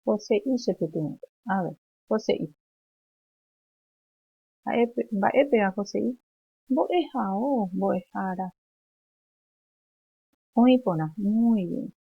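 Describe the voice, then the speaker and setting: A woman teaching young children, slowly saying words and phrases for them to repeat back. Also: mid-range voice, expressive, gravelly, slightly rough, dry recording, phone-quality sound. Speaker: preschool teacher. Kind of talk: remote language lesson for young children.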